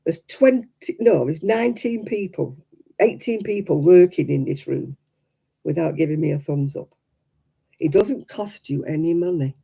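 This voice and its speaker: A British woman with a low, very dark, muffled-warm voice, husky and croaky because she's hoarse after being ill, chats casually to live viewers as a crafts vlogger. She's expressive at a normal pace, teasing her audience with dry, wry humour.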